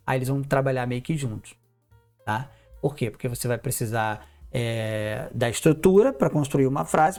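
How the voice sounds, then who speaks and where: A man's voice: mid-range voice, a little mellow. A Brazilian man giving a casual video lesson as an English teacher, emphatic, repeating key words and asking himself questions. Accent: Brazilian Portuguese.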